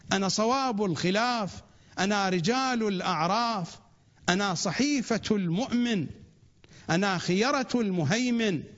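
A man with a high voice recites in a steady, chant-like rhythm, repeating the same opening on line after line. His delivery is measured and devotional. The recording sounds dull and lo-fi. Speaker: religious reciter. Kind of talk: rhythmic recitation of a rhymed sacred text.

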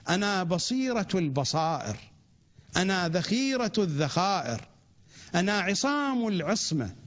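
A man with a high voice recites in a steady, chant-like rhythm, repeating the same opening on line after line. His delivery is measured and devotional. The recording sounds dull and lo-fi. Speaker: religious reciter. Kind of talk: rhythmic recitation of a rhymed sacred text.

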